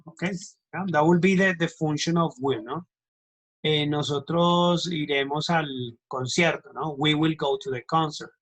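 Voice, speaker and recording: Husky bilingual teacher, man. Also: fairly high pitch, steady tone, unhurried, a bit bright, low-quality recording. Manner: switches between English and Spanish, corrects himself often; checks in with students constantly. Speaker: English teacher. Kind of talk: online grammar lesson.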